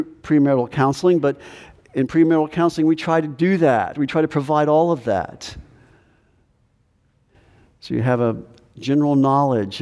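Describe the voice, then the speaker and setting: A man's voice: mid-range voice, a little mellow. Man preaching in a reverberant hall. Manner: conversational preaching with humor and rhetorical questions. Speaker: pastor. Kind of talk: sermon.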